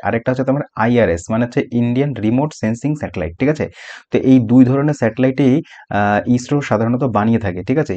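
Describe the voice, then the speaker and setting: A man's voice: mid-range voice, a little mellow, highs cut off. A man teaching a casual exam-prep lesson, going through quiz answers and checking in with his students often. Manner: explains quiz answers with frequent checks like "okay?".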